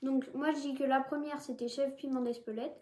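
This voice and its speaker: A woman's voice: sits high, steady tone, brisk, dark tone. A woman chatting casually as she presents a homemade snack taste test.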